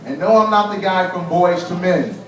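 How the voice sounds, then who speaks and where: A man in his forties from Kentucky doing a stand-up comedy set, with a wry delivery that builds to punchlines and slips into quick acted asides. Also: high-pitched, heavy reverb, far from the mic, poor audio. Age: 40s. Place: comedy club stage.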